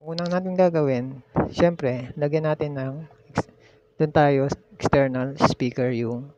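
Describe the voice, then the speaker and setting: This tutorial host, a Filipino man, has a medium-pitched, slightly mellow voice with no room sound. He guides viewers through a casual step-by-step demo, teaching as he goes and restating the key steps, on muffled lo-fi audio with background noise.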